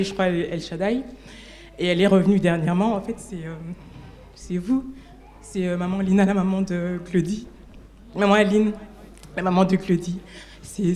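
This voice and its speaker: Halting woman giving a church testimony. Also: on the low side, mellow. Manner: halting, with frequent restarts and self-corrections. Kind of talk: personal testimony to a congregation. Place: church service hall.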